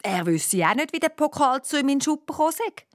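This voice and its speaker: Lively Swiss German woman storyteller. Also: sits high, fast talker, no echo, clean studio sound. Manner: lively, voices the characters. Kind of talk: children's story narration.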